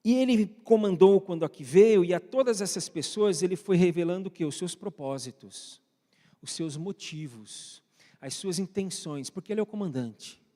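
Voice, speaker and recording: With a Brazilian Portuguese accent, this pastor talks through his sermon in a church hall, regularly questioning the congregation and addressing people watching from home. He speaks at a moderate pace in a high, mellow voice, under a long church reverb.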